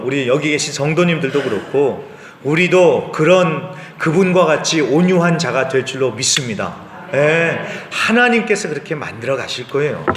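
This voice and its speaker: A male pastor giving a sermon in a conversational way, asking rhetorical questions and often affirming with a short "yes.". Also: on the high side. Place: church sanctuary. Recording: echoey church hall reverb.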